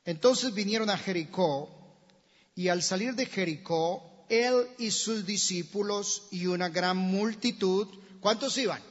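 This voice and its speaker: Pastor guy preaching, asks the crowd stuff, slowish, echoey church, kinda muffled. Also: high voice. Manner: animated storytelling, asks the congregation questions, acts out shouts. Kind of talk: sermon. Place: church sanctuary. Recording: dull sound, long church reverb.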